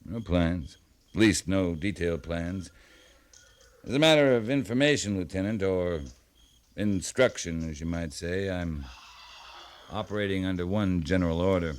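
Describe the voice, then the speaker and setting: A seasoned frontier cavalry captain, played by a man with a low voice. He is terse and matter-of-fact, speaking with plain authority in the manner of an old radio western. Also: moderate pace, natural voice.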